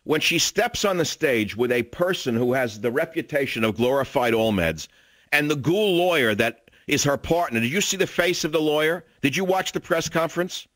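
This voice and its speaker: A man's voice: fairly high pitch, lively intonation, moderate pace, a bit bright, dry recording. An older man hosting a call-in radio talk show, ranting in an indignant, combative way.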